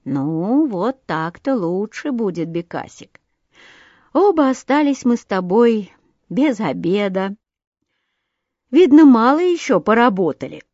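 A woman's voice: medium pitch, sing-song, takes it slowly, darkish tone, no echo, dull audio, heavily acted. A woman voicing a good-natured young male chimney sweep in a storybook reading, with a musing, fatherly manner.

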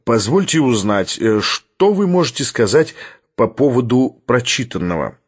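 An imperious old professor who lectures with pompous irony and roars at his charge, as a man plays him. His speech comes out husky and slow. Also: mid-range voice, expressive. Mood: ironic. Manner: pompous, ironic, roaring in anger. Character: imperious, irritable elderly male professor.

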